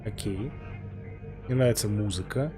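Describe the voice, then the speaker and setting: A man's voice: lowish voice, moderate pace, over music. A man giving casual, informal commentary as a game streamer, musing aloud as he plays. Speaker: live streamer playing a game.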